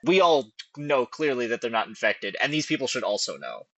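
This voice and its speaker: A man's voice: medium pitch, very animated, fairly quick, fairly bright tone, no room sound, poor audio. A man co-hosting a film podcast, chatting casually and animatedly with lots of fillers and restarts. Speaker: podcast host. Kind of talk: casual film analysis chat.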